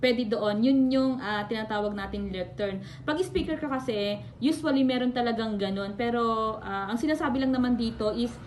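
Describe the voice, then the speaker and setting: A woman's voice: fairly high pitch, fairly quick, a little mellow, a little hiss or hum, low-quality recording. A young Filipino woman with a Filipino accent, giving a class report online, explaining step by step and switching between Tagalog and English. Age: young adult. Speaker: student presenter. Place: at home on an online class call.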